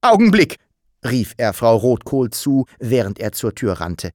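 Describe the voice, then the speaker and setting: A man narrating a children's audiobook in an expressive storytelling manner. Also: mid-range voice, measured pace, no room sound, clean studio sound. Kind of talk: audiobook reading.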